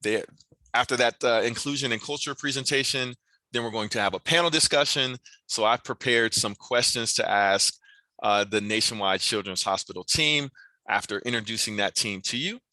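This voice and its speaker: Bright, dry-sounding American man hosting, courteous and businesslike. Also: mid-range voice, moderate pace, no echo, low-quality recording. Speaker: host, moderator of a recruitment event. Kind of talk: semi-scripted event introduction.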